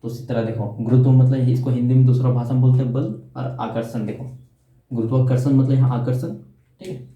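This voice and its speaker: A man's voice: mid-range voice, little pitch movement, brisk, a little hiss or hum. A man teaching a class at a board. He asks the class questions, answers them himself, and keeps repeating the key terms. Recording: echoey room, dull lo-fi sound.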